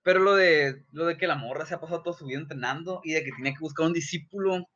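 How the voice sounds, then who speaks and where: A young man, co-hosting a casual podcast chat, slangy and full of swearing and animated asides. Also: on the high side, fast, slight background noise. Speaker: podcast co-host. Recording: dull lo-fi sound.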